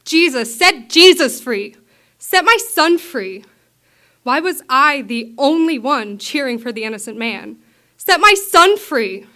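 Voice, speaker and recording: A woman's voice: a little high, normal speed, hardly any pauses, pushed and bright. A young woman playing the grieving mother of Jesus, crying out for her son in anguish. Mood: desperate. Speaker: student actor.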